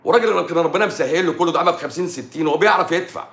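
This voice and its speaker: A middle-aged Egyptian man speaks quickly and fires off sarcastic rhetorical questions in a heated live-stream rant. His voice sits somewhat high for a man and echoes around the room. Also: fairly bright tone. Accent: Egyptian Arabic.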